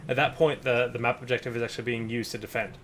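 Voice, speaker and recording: A man hosting a casual gaming podcast, talking in an animated way and stumbling over repeated words. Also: mid-range voice, fast talker.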